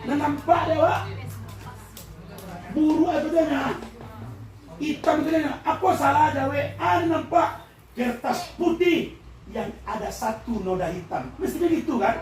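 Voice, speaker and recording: A man with a Minangkabau accent giving a lively religious talk at a school event, quizzing the audience and often shouting and laughing. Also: extremely high pitch, measured pace, long pauses, faint music behind. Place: large indoor hall with an audience. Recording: echoey hall, far from the mic, with a crowd and noise.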